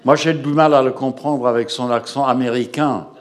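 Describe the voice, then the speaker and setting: A man's voice: mid-range voice, fairly even intonation, normal speed, background noise. A middle-aged man informally introducing guests and interpreting for a congregation, hesitant and conversational, often checking in with little tags. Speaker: church host and interpreter.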